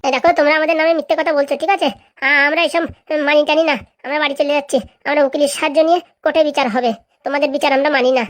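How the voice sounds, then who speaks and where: A woman voicing a sharp-tongued village woman in a cartoon, scolding and accusing in a rapid-fire way. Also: sits high, level tone, natural voice. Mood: defiant. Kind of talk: cartoon voice acting.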